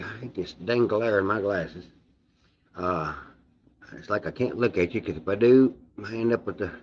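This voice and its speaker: A low-pitched man chats to his channel in a rambling, folksy style. His speech is halting and gummy, slightly sputtering from having no teeth in. The recording sounds dull and muffled. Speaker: video channel host. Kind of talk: casual rambling vlog talk.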